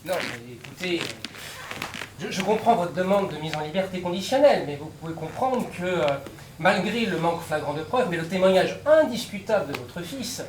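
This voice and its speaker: A man acting as an evasive parole official in improv comedy. The delivery is pompous and muddled, halting yet lively in pitch. The sound is distant and echoey. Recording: echoey stage, distant, faint noise.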